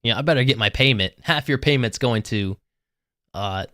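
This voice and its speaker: A man's voice: mid-range voice, normal speed, bright, forceful tone, no echo, studio quality, natural voice. A man voicing a resentful hired hunter who grumbles about his pay. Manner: grumbling, complaining.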